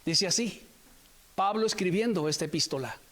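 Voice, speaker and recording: A man preaching a sermon, emphatic and repetitive, drawing key phrases out slowly. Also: high-pitched, animated, a bit bright.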